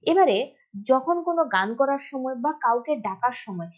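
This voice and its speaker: A woman's voice: high-pitched, animated, moderate pace. A woman teacher with a Bengali accent, walking through exam answers step by step and often asking students whether they have understood. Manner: explains step by step, often checking with "ঠিক আছে?" and "বোঝা গেল?". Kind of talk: exam answer walkthrough lesson. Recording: dull lo-fi recording.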